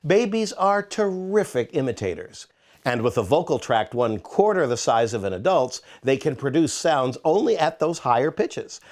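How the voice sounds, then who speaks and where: A man's voice: medium pitch, darkish tone. A man narrating an educational parenting quiz, reading multiple-choice questions with playful emphasis. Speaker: author and narrator.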